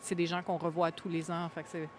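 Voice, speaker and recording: A woman's voice: lowish voice, little pitch movement, a little fast, a little mellow, slight background noise. A woman with a Québécois accent, a guest answering interview questions in a casual, talkative way with lots of fillers. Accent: Québécois French. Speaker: guest, gaming media host.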